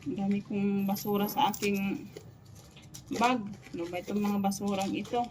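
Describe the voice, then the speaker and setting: A woman's voice: medium pitch, level tone, normal speed, noisy background. A woman with a Filipino accent chatting casually at home in a vlog, mixing Tagalog and English and coaxing her small child. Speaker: vlogger and mother. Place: at home, indoors.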